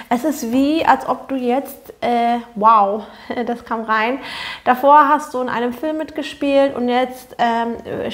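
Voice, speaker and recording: A woman giving a spontaneous tarot reading, speaking earnestly and directly to the viewer with many fillers and restarts. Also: high voice. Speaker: tarot reader.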